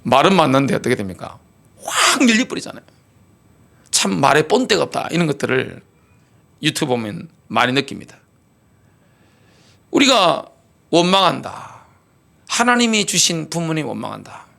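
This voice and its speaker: Male pastor, middle-aged, high lively voice, bright and gravelly, emphatic sermon with rhetorical questions. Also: moderate pace, long pauses. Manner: repetitive call-and-response delivery.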